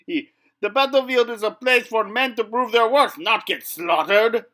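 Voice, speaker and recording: A man's voice: very high voice, normal speed, a bit bright. A man playing a haughty, indignant defender of knightly honor, speaking emphatically in a mock news debate. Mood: outraged. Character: indignant, haughty male champion of French knighthood.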